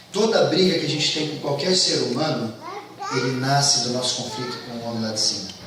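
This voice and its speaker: A man's voice: medium pitch, background noise. A man with a Brazilian accent, a pastor giving a casual, joking Bible talk at a camp and acting out the scenes in little voices. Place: talk at a camp retreat venue. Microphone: phone camera from a distance. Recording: very echoey phone recording from far off.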